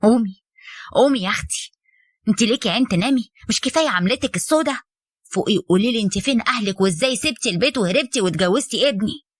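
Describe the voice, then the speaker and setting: A woman's voice: fairly high pitch, lively intonation, very fast, no room sound, clean studio sound, pitched below the performer's own voice. A woman voicing a stern, weary mother-in-law who lectures her son's young wife, in Egyptian Arabic. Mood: harsh. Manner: firm, lecturing, bitter.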